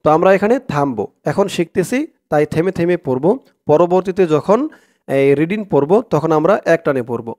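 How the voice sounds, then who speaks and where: A man teaching Quran reading, chanting verses slowly and then explaining the rules in quick speech. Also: a little high, animated, a little mellow.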